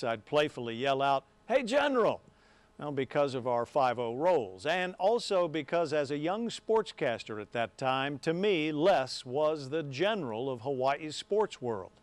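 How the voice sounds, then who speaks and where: A male sports anchor narrates a news feature, recalling an old colleague in a reminiscing storytelling manner. His voice sits a little high and sounds dry and close on a studio microphone. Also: no echo.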